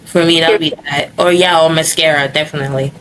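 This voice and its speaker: A young woman hosting a podcast, upbeat and giggly, with quick affirmations. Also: low voice, fairly even intonation, fairly bright tone, slight background noise. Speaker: podcast host. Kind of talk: casual interview chat.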